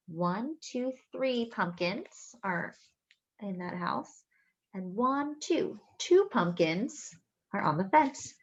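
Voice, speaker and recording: A woman on the high side reads a picture book aloud for young children's story time, using a sing-song, expressive style with drawn-out phrases, little asides, and questions. The highs in the audio are cut off.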